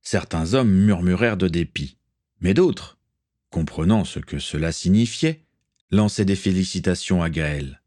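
A man narrating an audiobook with a low-pitched voice. He reads at an even, steady pace, with the smooth delivery of scripted storytelling. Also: measured pace.

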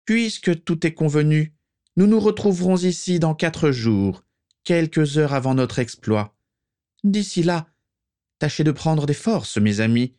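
A man reading aloud and voicing a menacing dark lord who gives orders slowly and coldly. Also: on the high side, big pitch swings, voice pushed up. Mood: commanding. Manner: slow, commanding.

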